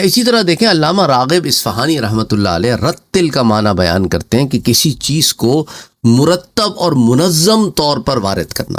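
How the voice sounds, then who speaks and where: Scholar, middle-aged, animated teaching voice, dry close sound, patient explainer. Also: male voice, mid-range voice, no echo. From Pakistan. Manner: explains patiently with examples, drawn-out recitation. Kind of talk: explanatory religious lecture.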